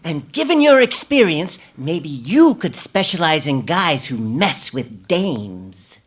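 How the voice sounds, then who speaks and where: A woman doing a husky, slangy little bird. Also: low-pitched, very animated, slow, heavily acted. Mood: wisecracking. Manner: slangy, tough-talking. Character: wisecracking small bird, street-smart. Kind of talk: audio drama.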